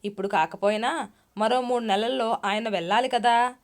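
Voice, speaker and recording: A woman's voice: a little high, steady tone, moderate pace, natural voice. Storybook role: shrewish middle-aged mother, harsh and scolding, read by a woman narrator. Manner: harsh, cursing, shouting.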